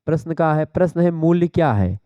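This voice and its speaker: Male lecturer, revision class, smooth warm voice, dry muffled recording. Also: a little high, expressive, brisk, no room sound. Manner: explains terms and checks understanding with the class. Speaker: teacher.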